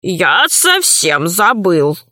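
A woman voicing a big, good-natured male alien archaeologist in a storybook reading, talking low and sheepishly. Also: big pitch swings, extremely slow, sharp tone, no echo, clean studio sound, full character voice.

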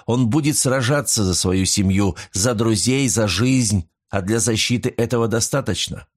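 A man voicing a calculating ruling father who argues in measured, persuasive speech. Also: lowish voice, close to an everyday voice.

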